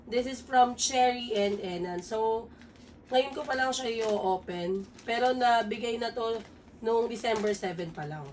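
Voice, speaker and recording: Hoarse woman, slow vlog chat. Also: a little high, a little mellow. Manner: slow, chatty, mixes English and Tagalog. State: hoarse from a sore throat. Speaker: vlogger. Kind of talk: casual gift-unboxing chat. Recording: distant mic, faint room noise.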